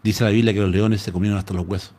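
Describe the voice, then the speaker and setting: A pastor from Chile with a Chilean Spanish accent, preaching a live-streamed sermon in an animated storytelling manner. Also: male voice, lowish voice, rapid-fire. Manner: animated storytelling, addresses listeners as "hermano".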